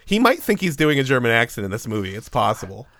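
A man's voice: mid-range voice, big pitch swings, fast talker, a bit bright, no echo, studio quality. A man co-hosting a podcast, recapping a film in casual chat with a wry, joking manner and frequent laughs. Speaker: podcast co-host. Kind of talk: casual movie-review chat.

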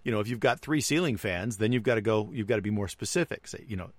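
A man's voice: lowish voice, fast talker, dry recording. A man co-hosting a casual tech chat, chatty and wry, often laughing at his own examples. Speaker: tech podcast co-host.

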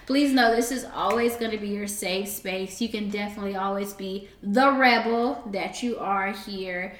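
A woman co-hosting a casual podcast, talking playfully and laughing between drawn-out sign-offs. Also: medium pitch, echoey room, slight background noise. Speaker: podcast co-host.

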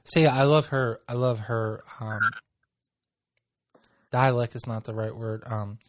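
A man's voice: medium pitch, steady tone, slow. A man hosting a casual chat, gushing and rambling, often trailing off mid-sentence.

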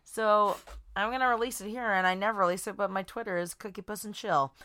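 A woman's voice: mid-range voice, steady tone, fast, pushed and bright, clear, resonant tone. A woman chatting casually as a podcast guest, blunt, bawdy and comically rambling. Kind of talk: casual comedic chat.

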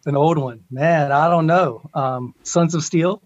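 A man's voice: a little high, measured pace. Laid-back man, roomy muffled recording. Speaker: interview guest, steel pan musician. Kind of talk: casual chat, reminiscing. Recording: dull, roomy online-call sound.

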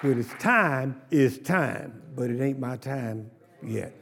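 A man's voice: mid-range voice, expressive, slow, big-room sound, crowd noise, noisy background. An older man, a pastor preaching a sermon with call-and-response to his congregation.

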